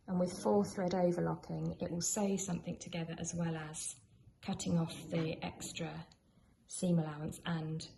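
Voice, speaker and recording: Woman with a creaky, lowish voice. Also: dark tone. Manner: chatty, encouraging, conversational. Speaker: sewing tutorial presenter. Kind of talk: informal craft tutorial, talking through a demonstration. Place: indoors in a room at home. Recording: echoey room, clear background noise of drilling. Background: builders' drilling and work noise.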